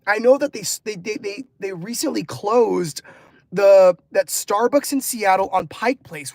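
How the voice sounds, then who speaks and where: A Los Angeles man hosts a motivational live stream, upbeat and effusive, often laughing and repeating words as he reads chat comments aloud. He's a livestream host and motivational coach with a high voice and some vocal fry, recorded dry.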